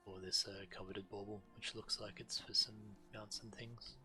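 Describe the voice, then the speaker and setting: A man on the low side, with a sharp tone and little pitch movement, speaks at a moderate pace while streaming a game. He reads quest text and gives dry, matter-of-fact commentary over faint video game music.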